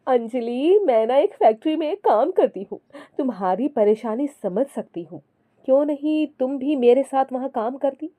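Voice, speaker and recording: A woman's voice: high voice, animated, normal speed, dark tone, voice pushed up. A woman voicing a helpful friend who urges in a raised, upbeat voice. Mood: urging. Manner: upbeat, urging. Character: brisk, helpful female friend, factory worker.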